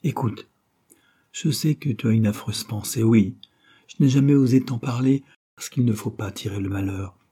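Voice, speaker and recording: Reading a novel aloud in a warm, slightly rough mid-range voice at normal speed, a man lightly acts the part of a passionate young woman urgently pleading with her lover in this audiobook passage.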